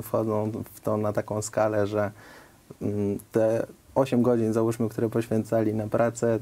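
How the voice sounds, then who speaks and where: Young man guest, warm dark tone, monotone, hesitant then quick. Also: on the low side. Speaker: volunteer program guest. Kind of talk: studio interview. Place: TV studio.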